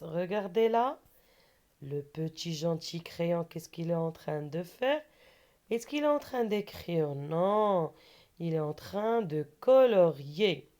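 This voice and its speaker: A woman's voice: mid-range voice, dark tone. A woman teacher giving a patient reading lesson for children, repeating syllables and words and asking questions that she answers herself.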